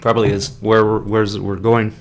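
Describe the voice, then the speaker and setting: A man's voice: on the low side, little pitch movement, brisk, faint music behind. An Irish man hosting a podcast live stream, rambling through hesitant casual commentary with many fillers and restarts, sipping beer as he goes. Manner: drinking beer while talking. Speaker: podcast host.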